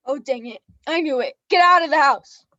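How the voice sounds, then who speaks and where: A woman's voice: high voice, normal speed, sharp tone, no echo, lo-fi sound. A woman playing a panicky heckler who exclaims frantic warnings in a comic school stage play. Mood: alarmed. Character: loud, panicky heckler warning storybook children of danger.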